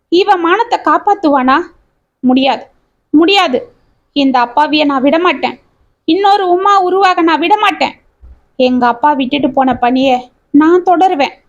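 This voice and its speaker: A woman's voice: high-pitched, muffled recording. A woman voicing a young woman who speaks firmly and with determination. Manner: firm and determined. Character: young woman, resolute and protective.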